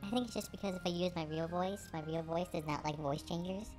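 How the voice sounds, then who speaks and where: A man talking through a voice changer that morphs his voice higher and garbles it, in casual, self-mocking gameplay commentary. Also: steady tone, brisk, music in the background. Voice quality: garbled, gravelly warble from the voice changer. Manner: chatty, self-mocking, thinks aloud. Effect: voice changer shifting his voice higher and morphing it. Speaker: gamer streaming gameplay.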